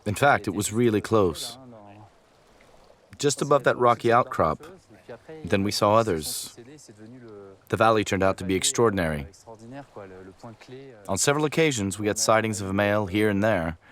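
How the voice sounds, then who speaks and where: Male wildlife photographer, lower register, explanatory nature documentary commentary. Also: normal speed, pauses often, a bit bright.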